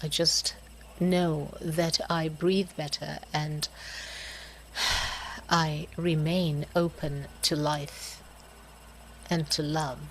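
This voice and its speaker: A middle-aged woman speaking in a halting, reflective way, pausing often and letting out soft laughs and sighs. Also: low voice, a little hiss or hum, rough recording. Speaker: host of a reflective video series. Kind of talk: slow personal reflection.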